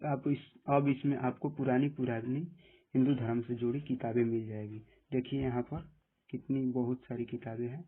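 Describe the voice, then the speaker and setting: Tutorial presenter: husky man, flat delivery, tinny phone-like audio, plain step-by-step walkthrough. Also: medium pitch, moderate pace. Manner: plain step-by-step instructions, often saying "dekhiye". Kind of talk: screen-recorded app tutorial.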